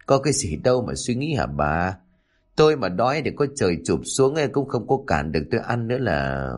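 An uneasy older husband in an audio storybook, voiced by a man, low and halting. He brushes off worry, yet his speech keeps faltering with lively turns of pitch. Faint music sits behind him. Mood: reassuring. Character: older village husband, uneasy, shaken, stubborn.

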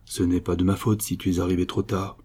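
A man voicing a gruff, nosy innkeeper who talks in a mocking, rough manner. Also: deep voice, little pitch movement, fairly quick, warm tone.

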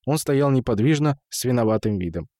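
A man reading an audiobook in measured storytelling, voicing the characters. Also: medium pitch, expressive, mellow, dry recording, clean studio sound. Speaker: narrator. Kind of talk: audiobook narration.

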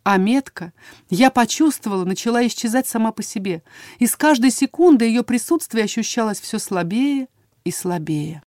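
A woman narrating a first-person fantasy audiobook in a dramatic, expressive reading, close on the mic. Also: a little high, moderate pace, no echo.

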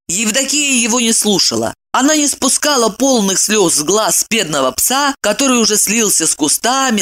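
A woman narrating a story aloud, reading in an expressive, dramatic way. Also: mid-range voice.

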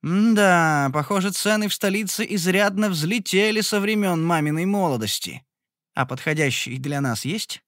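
A man narrating a fantasy audiobook in the first person with a lively, expressive reading. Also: high voice, normal speed, no echo, clean studio sound.

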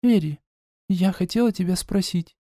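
A man's voice: high-pitched, moderate pace, warm tone, no echo, studio quality, voice pushed up, close to an everyday voice. A man voicing an earnest, anxious young woman, the hero's elder sister, with an emotional, pleading way of speaking.

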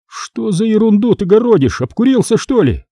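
A man's voice: very animated, moderate pace, warm tone, dry recording, clean studio sound, exaggerated voice. A man voicing a haughty, middle-aged rich businessman who gives orders and protests. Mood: indignant. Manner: haughty, shrill, commanding. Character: indignant rich middle-aged businessman, pompous then frightened.

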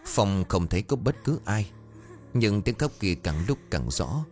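A man's voice: lowish voice, big pitch swings, a little slow, a little mellow. A man reading a scripted horror story as a narrator, with music behind his voice. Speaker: narrator of ghost stories. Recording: music under the voice. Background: background music.

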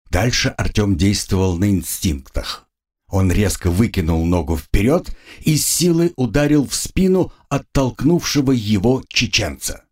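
A man reads a novel aloud in a grave storytelling manner. His voice is husky and fairly low, and his pitch moves in lively swings. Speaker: audiobook narrator. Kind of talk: scripted narration.

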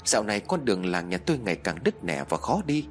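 A man's voice: fairly low pitch, big pitch swings, fast, soft background music. A man narrating a spooky first-person horror story in a tense, dramatic storytelling manner.

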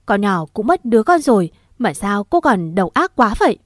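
A woman's voice: medium pitch, very animated, normal speed, no echo, studio quality. A woman voicing a resentful older woman who scolds reproachfully.

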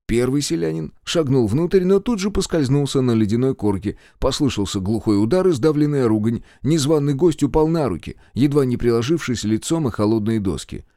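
A man narrating a first-person fantasy audiobook in an expressive, wry storytelling manner. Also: mid-range voice, no room sound, clean studio sound.

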